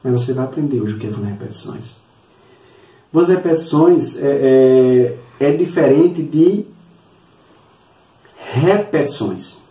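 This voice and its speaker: A man leads a church Bible class in a mellow, relaxed voice, earnest and repeating his points, often stopping on short fillers before going on. He is recorded from a distance in an echoey room. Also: medium pitch, slow, pauses often. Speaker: Sunday school teacher. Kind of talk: Bible lesson teaching.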